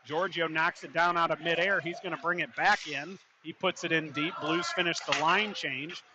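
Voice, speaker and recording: A man's voice: fairly high pitch, normal speed. Man calling youth hockey play-by-play. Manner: steady running play-by-play, rises on shots. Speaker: play-by-play commentator. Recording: noisy arena ambience.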